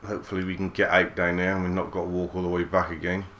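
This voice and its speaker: A man giving relaxed let's play commentary, musing aloud with mild swearing. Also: deep voice, quick pace, slight background noise. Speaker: gaming channel host.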